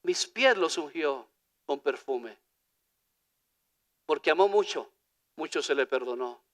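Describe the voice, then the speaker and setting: A man preaching a sermon as pastor in Ecuadorian Spanish, swinging from hushed to loud and calling listeners "hermano". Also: on the high side, lively intonation, slow pace. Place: church. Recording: church hall reverb.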